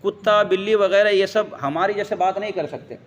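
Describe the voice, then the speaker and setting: Man teaching a religious lesson in a hall. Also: high voice. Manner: explanatory, quotes Arabic verses, asks and answers his own questions.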